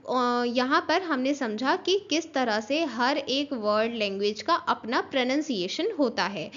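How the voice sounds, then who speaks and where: High-voiced woman teaching a class. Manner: explains step by step, spells out letters, checks in with "understood?". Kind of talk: online class lecture mixing Hindi and English. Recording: dull lo-fi recording.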